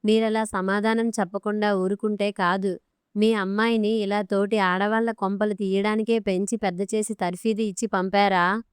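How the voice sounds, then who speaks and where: A woman's voice: medium pitch, flat delivery, moderate pace, clean tone, no echo, studio quality, close to an everyday voice. A woman reading the lines of a wronged young wife in her twenties, tearful and accusing.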